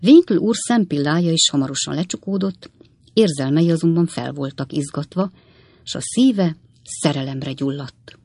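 A narrator reading a classic novel aloud in a measured, unhurried way. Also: medium pitch, darkish tone, breathy edge, no room sound. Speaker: audiobook narrator. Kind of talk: scripted literary narration.

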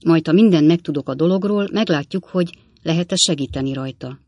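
A woman voicing a kindly, mild older gentleman who speaks gently and earnestly. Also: deep voice, no echo, clean studio sound.

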